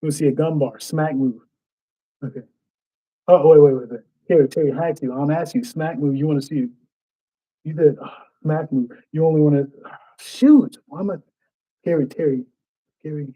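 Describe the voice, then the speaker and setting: Man reciting battle bars, mellow tone, fairly high voice, stops and restarts lines. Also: normal speed, pauses often, low-quality recording. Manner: rhythmic recital with frequent restarts and self-corrections; mutters to himself when he forgets lines. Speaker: battle rapper. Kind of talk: reciting and breaking down his own battle verses.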